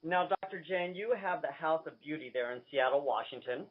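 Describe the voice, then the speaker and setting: A man's voice: on the high side, a little fast. A man hosting a radio interview over the phone, gushing, flamboyant and enthusiastic. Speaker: radio host and drag queen. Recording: tinny phone line.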